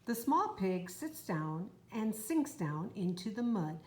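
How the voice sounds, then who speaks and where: A woman reading a children's picture book aloud in a slow, even, clear storytelling manner. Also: mid-range voice. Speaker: storybook reader. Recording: roomy echo, faint noise.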